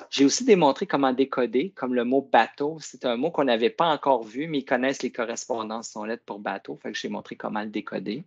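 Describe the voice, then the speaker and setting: A middle-aged man leads a phonics demonstration in a coaxing teacher's voice. His tone is gravelly and he stretches out the words he wants pupils to repeat. The recording sounds dull and lo-fi. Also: mid-range voice. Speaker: teacher trainer. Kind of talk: classroom reading demonstration.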